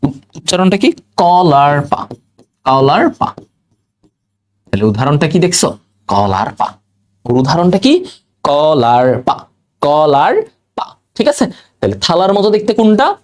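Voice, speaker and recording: A man's voice: on the high side, very animated, measured pace, pauses often. A man teaching biology for exam prep, quizzing his students and drilling memory tricks by repetition. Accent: Bangladeshi Bengali. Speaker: biology tutor.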